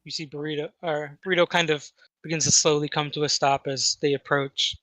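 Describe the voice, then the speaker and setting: A man's voice: fairly high pitch, level tone, fairly quick, bright, forceful tone, dry recording, low-quality recording. A man running a tabletop game as game master, narrating scenes in an improvised way.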